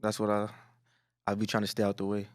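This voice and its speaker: A man, a rapper talking casually and quietly in an interview, often trailing off. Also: completely flat delivery, quick pace, dry recording, clean studio sound. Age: 20s. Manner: laid-back, low-key, trails off with "that's really it". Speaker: rapper guest.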